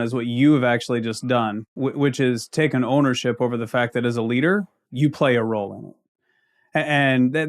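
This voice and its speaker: A man from the Ozarks with an Ozark accent, giving conversational leadership advice as a panel guest, emphatic and fond of rhetorical questions. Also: medium pitch. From Ozarks, United States.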